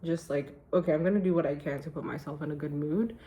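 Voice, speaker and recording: A woman's voice: sits low, fast talker, warm tone, slight background noise. A woman vlogging to camera at home at night, talking casually about her day and her well-being research in an emphatic, self-joking way. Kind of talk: casual chatty vlog.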